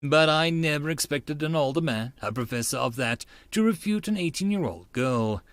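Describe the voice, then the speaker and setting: This man's voice sits a little high, expressive and fairly bright, at normal speed with no echo. He dramatizes a visual novel in the first person, audiobook-style, performing the dialogue and asides theatrically.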